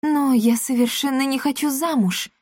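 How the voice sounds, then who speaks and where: A woman voicing a curious, stubborn young daughter with light, bright chatter. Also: a little high, fairly even intonation, moderate pace, dry recording, studio quality, pitched above the performer's own voice, lightly acted.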